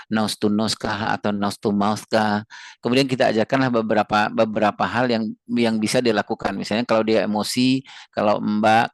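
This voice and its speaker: A man lecturing parents and teachers on raising children, earnest and explanatory, repeating phrases and rising high when he stresses a point. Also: creaky, dry recording, clean studio sound. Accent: Indonesian. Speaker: parenting speaker.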